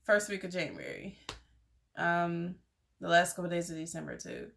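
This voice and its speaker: Very animated yet at a moderate pace, this young woman's voice sits on the low side, fairly bright with vocal fry. The vlogger shares a personal story with her viewers, candid and chatty, heavy on "like" and "y'all."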